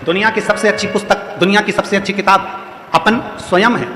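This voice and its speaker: A man's voice: high voice, fairly even intonation, quick pace. Preaching man in an echoing hall. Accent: Hindi, from central India. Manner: repetitive, rhythmic, exhorting. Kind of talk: devotional sermon to a crowd. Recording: echoey hall with faint music.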